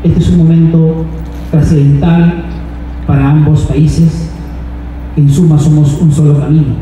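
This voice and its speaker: A man speaking as a university rector, giving a slow, solemn ceremonial address at an outdoor ceremony. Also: a little high, flat delivery, mellow, distant mic, a little hiss or hum. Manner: slow, solemn, measured phrasing. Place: large outdoor ceremony at night. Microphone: handheld microphone. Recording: roomy hall-like reverb from afar.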